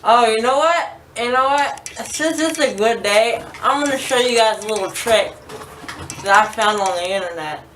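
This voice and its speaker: Fairly high-pitched and a bit bright, a woman's voice moves at normal speed. She's a vlogger doing a makeup tutorial, rambling casually to camera while groggy and loopy from anesthesia, her mouth numb and sore from dental surgery. The recording is roomy and distant, with faint noise.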